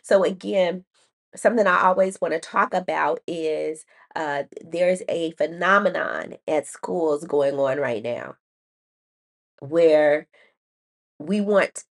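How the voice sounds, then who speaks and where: A woman's voice: low-pitched, slow, vocal fry. A woman educator hosting a podcast, explaining a writing lesson in a chatty way, laughing at herself, with many ums and restarts. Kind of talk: casual teaching talk.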